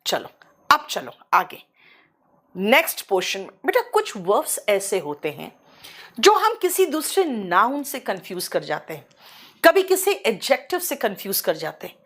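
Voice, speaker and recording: Lively, slow-talking woman English teacher. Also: mid-range voice, slightly rough. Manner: addresses students as beta, scolding and coaxing; mixes English words into Hindi explanation. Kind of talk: online class lecture.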